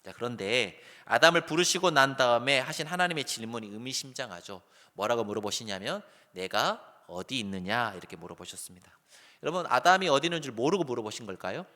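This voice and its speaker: A middle-aged male pastor preaching a sermon, lively and animated, sometimes loud and sometimes dropping soft. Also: medium pitch, quick pace, few pauses. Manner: animated preaching, acts out calls in a raised voice, then drops soft. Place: church sanctuary. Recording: long hall reverb.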